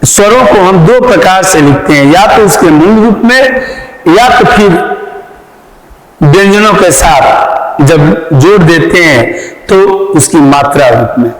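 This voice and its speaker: A man gives a classroom grammar lesson, walking students through each point slowly and repeating the terms he teaches. His voice sits a little high, and it carries a strong echo that rings on after each phrase, as in a large hall. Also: lively intonation. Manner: explanatory, repeats key terms, addresses students. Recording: echoey hall.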